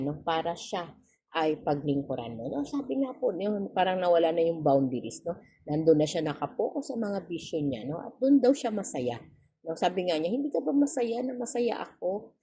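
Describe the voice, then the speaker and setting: A woman giving a tarot reading straight to the viewer, polite and gentle, tagging nearly every phrase with a questioning "no?". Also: sits low, husky. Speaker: tarot reader.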